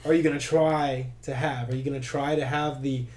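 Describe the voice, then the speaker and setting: A man's voice: medium pitch, little pitch movement, brisk, darkish tone. A young man co-hosting a podcast, chatting casually and loosely with jokes and swearing. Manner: loose, profane, jokey. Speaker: podcast co-host. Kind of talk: casual chat.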